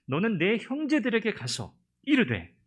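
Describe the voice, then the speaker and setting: A male pastor voicing a solemn risen teacher who speaks in a calm, measured way. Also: high voice, breathy edge, voice pushed up, exaggerated voice.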